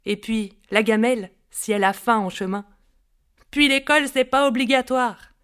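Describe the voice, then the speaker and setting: A woman's voice: on the high side, normal speed, fairly bright tone, smooth. A woman telling a story in a rhythmic, playful way, with varied tempo. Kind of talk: spoken storytelling.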